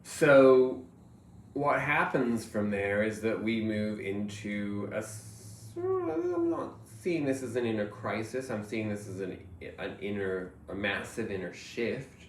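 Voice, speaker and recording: Low-voiced musing man reading tarot. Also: sing-song, takes it slowly, slight background noise. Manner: meandering, musing, trails off softly. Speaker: tarot reader. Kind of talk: reflective tarot reading monologue. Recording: roomy echo, faint ambience.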